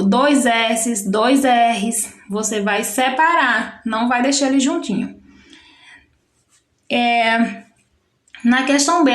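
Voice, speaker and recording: A woman's voice: fairly high pitch, echoey room. A woman teacher gives a recorded lesson to young schoolchildren, patiently stretching out words to show the syllables. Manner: slow, patient, drawn-out syllables when demonstrating. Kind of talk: recorded classroom lesson for children.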